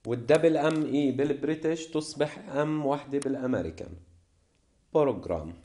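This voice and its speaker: A man with a Levantine Arabic accent teaches an English vocabulary lesson. He reads each word pair slowly and carefully, as if students are copying along. His voice sits at an everyday middle pitch. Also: mellow. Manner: slow, deliberate reading of word lists. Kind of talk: classroom lesson explanation.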